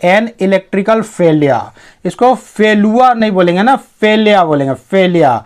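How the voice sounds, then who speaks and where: A Hindi-medium teacher teaches English reading, explaining word by word and reading the English lines slowly and carefully. His voice sits high.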